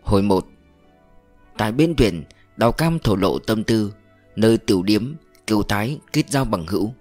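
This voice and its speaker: Calm male audiobook narrator. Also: fairly low pitch, normal speed, faint music behind. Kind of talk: scripted narration of a mystery novel.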